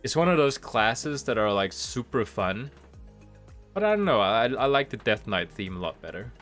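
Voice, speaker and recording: Rain falls outside the room where a man streams a game, soft music underneath as he chats casually, thinking aloud and starting sentences over. He has a slight cold and sounds nasal; his medium-pitched voice is fairly bright and lively, at a normal pace.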